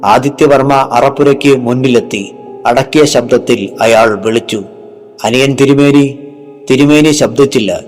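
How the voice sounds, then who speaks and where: Guy reading a spooky horror story, dramatic and measured, mid voice, faint music in the back. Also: medium pitch. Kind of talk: scripted horror story narration.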